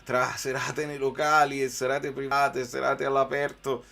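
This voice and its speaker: A man's voice: medium pitch, flat delivery, a little slow, gravelly, pushed and bright. A man giving live football commentary mixed with informal, conversational chat to viewers.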